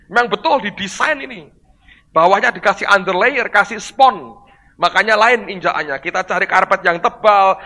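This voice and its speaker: Bright-voiced pastor preaching. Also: male voice, high voice, low-quality recording. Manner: storytelling, addresses the congregation as "saudara"; bursts into loud exclamations when retelling the service. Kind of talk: sermon. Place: church hall.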